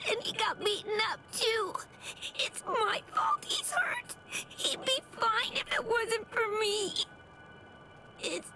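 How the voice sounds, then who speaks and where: A woman playing a gentle, frightened young healer in a game cutscene, pleading and tearful. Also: very high-pitched, full character voice, low-quality recording.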